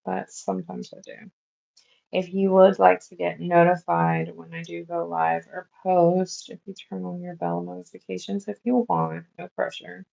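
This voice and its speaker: A woman's voice: lowish voice, level tone, moderate pace, gravelly, mellow, dull audio. A woman livestreaming as she does nails, chatting casually in a rambling, easygoing way with lots of fillers. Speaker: nail art livestreamer. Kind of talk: casual livestream chat while working.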